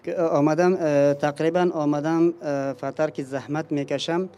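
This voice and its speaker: Rapid hesitant man from Afghanistan. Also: on the high side, steady tone, dark tone. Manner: hesitant, many fillers. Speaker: panel guest. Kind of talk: personal testimony.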